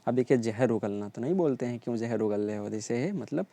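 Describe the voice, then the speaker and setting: A man teaches an exam-prep lesson in a mellow, darker voice. His pitch sits at an ordinary middle level. He drills synonyms and idioms by repeating them in lists, checking in with his students again and again. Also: animated, brisk, no room sound. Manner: repetitive drilling, frequent "ठीक है" check-ins.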